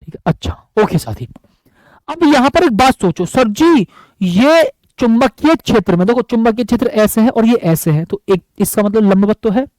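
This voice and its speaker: A man's voice: high voice, animated, normal speed, darkish tone, no echo, rough recording. A man teaching physics at a board in an affectionate, repetitive way, often calling his students buddy. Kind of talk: board lecture.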